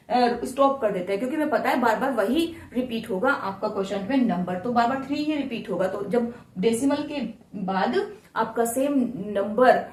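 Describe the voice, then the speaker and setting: In an echoey room and far from the mic, a woman with a fairly high, darkish-toned voice teaches math. She takes students through the steps patiently, repeating them and asking the class questions.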